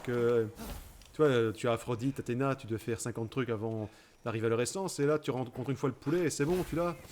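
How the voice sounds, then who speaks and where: A man's voice: medium pitch, fairly quick, darkish tone, slight background noise. A man casually commenting on his gameplay, chatty and sweary, full of joking asides. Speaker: let's play gamer.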